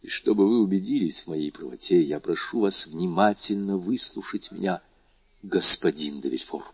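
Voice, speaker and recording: A man voicing a grave, composed male doctor who speaks in a measured, low, sometimes hushed way. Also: breathy edge, no echo. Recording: dull dry lo-fi recording.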